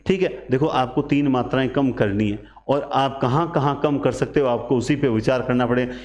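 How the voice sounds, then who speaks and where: A man's voice: mid-range voice, normal speed, a little mellow. A man teaching a lesson, working step by step through examples and asking questions, then answering them himself. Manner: explains step by step, asks and answers own questions. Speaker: Hindi teacher. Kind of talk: classroom lecture. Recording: echoey room.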